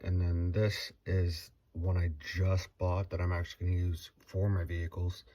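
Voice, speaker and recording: A man in his forties casually narrating a hands-on demonstration in a hesitant, halting way. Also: deep voice, flat delivery, warm tone. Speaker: vlogger.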